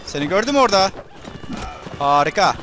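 With a high voice and a moderate pace, a young man narrates his own gameplay live and excitably, hollering at his troops and enemies and grumbling quietly when things turn against him. Slight background noise is present.

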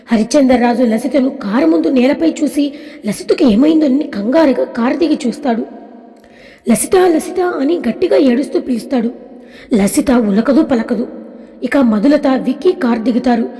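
High-voiced woman storyteller. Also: warm tone. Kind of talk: scripted story narration. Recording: long reverb.

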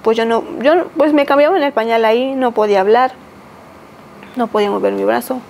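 A Mexican woman in her thirties, a podcast guest giving a personal testimony, talking haltingly with many fillers and restarts. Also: fairly high pitch, creaky, darkish tone, a little hiss or hum, poor audio. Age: 30s.

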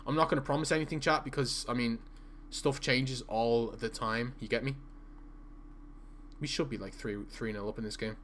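Speaking at a moderate pace with fairly even intonation, this young Irish-accented man talks to his stream audience while gaming, reads out their chat and stumbles over words now and then. His medium-pitched voice is a bit bright, there's a little hiss or hum, and the setting is a small room indoors.

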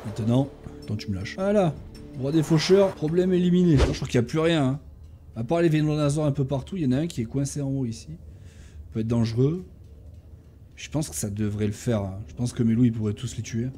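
A man giving casual gameplay commentary, talking to his tamed animals and bursting into excited shouts during fights. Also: mid-range voice, brisk, faint music behind. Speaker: gaming YouTuber.

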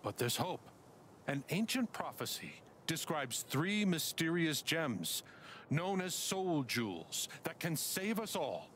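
A man voicing an older townsman playing a grave, booming warrior king in a video game, theatrical and regal. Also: very animated, takes it slowly, a bit bright, slight background noise, heavily acted. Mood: solemn, commanding. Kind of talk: theatrical role-play acting in a video game.

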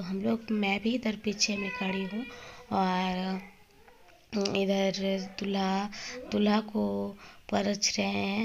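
A woman vlogger, hoarse from a cold, explaining a wedding's rituals to viewers in a casual vlog. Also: mid-range voice, a little mellow, a little hiss or hum. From Jharkhand, India.

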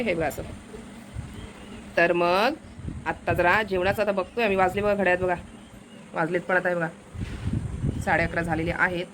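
A woman's voice: fairly low pitch, a bit bright, a little hiss or hum. A young woman chatting to viewers in a casual home vlog, walking around her village house courtyard with a phone camera. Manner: chatty, addresses viewers directly, coos at a pet. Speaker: vlogger.

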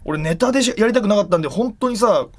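A man streaming live, chatting casually in rough slang with loud exclamations while he handles and examines an object. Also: high-pitched, lively intonation, very fast.

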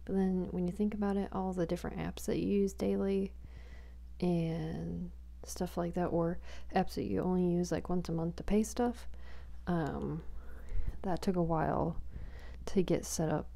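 A woman chatting softly for ASMR on a small close microphone, rambling, whispery and giggly. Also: fairly low pitch, steady tone, measured pace, vocal fry. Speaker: ASMR creator. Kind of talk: soft-spoken ASMR chatting.

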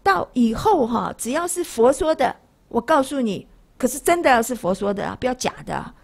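Raspy older woman lecturing a class. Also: high voice, brisk. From Taiwan. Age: 60s. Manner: lively, keeps asking the class rhetorical questions. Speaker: lay Buddhist lecturer.

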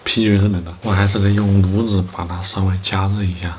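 A young man with a low voice talks casually to camera like a food vlogger. He sounds conversational and informal. The recording was made in a small room, with clear background noise. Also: flat delivery, quick pace. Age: young adult. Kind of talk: casual chat to camera while eating. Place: small curtained room indoors.

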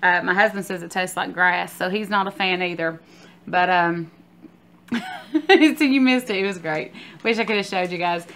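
A woman with a lowish, fairly bright voice speaks at a moderate pace in a casual vlog chat, informal and chatty, addressing viewers as "guys." It's a noisy amateur video recorded on a phone at arm's length.

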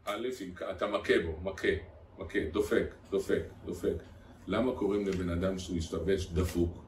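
A man's voice: low-pitched, fairly even intonation, darkish tone. A man, a rabbi, giving a Torah lesson to a live audience, drilling phrases and putting questions to his listeners. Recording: echoey room, far from the mic, faint noise.

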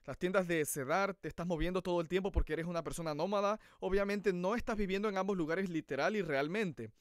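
A man's voice: high-pitched, quick pace, dry recording, studio quality. A man preaching a sermon in an earnest, emphatic way.

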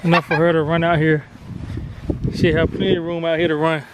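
A family vlogger, American and around thirty, walks through his house chatting casually into a handheld camera held at arm's length. His voice is a little high with little pitch movement and a brisk pace, and background noise can be clearly heard.

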